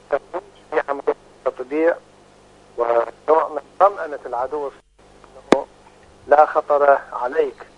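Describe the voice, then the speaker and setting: Man speaking on a tinny phone line. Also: medium pitch. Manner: measured, emphatic analysis with frequent hesitations. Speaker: expert guest.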